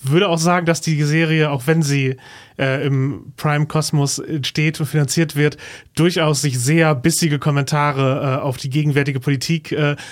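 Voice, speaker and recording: A man on a panel giving an analytical review, halting as he looks for words. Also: a little high, fairly even intonation. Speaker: panel critic.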